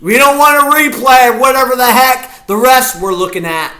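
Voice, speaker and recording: His voice is very high-pitched and sharp, at normal speed, as he streams a football game. The man reacts live and chats goofily, talking straight to viewers.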